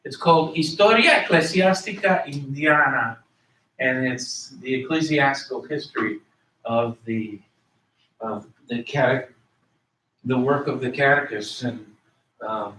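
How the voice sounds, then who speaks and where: A man's voice: medium pitch, a bit bright, roomy sound, a little hiss or hum. A man teaching a class in a conversational way, asking his students questions and repeating key words, recorded in a classroom from far off. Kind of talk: classroom lecture.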